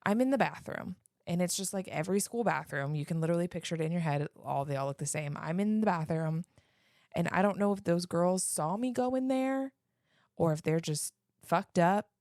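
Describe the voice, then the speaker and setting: A woman's voice: fairly low pitch, brisk, darkish tone, no echo, clean studio sound. A woman in her thirties co-hosting a podcast, telling a childhood story in casual, self-mocking chat with plenty of swearing. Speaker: podcast co-host.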